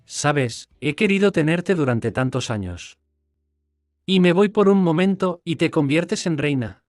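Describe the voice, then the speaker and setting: A man's voice: a little high, animated, a little slow, dry recording. Man voicing a sneering scheming duke. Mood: furious. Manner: mocking, smug. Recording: dry close mic, faint music.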